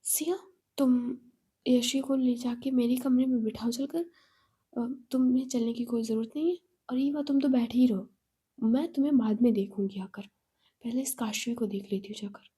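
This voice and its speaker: A woman's voice: fairly high pitch, steady tone, normal speed, dark tone, breathy edge. A woman voicing a firm, bossy young woman who gives orders in a commanding way.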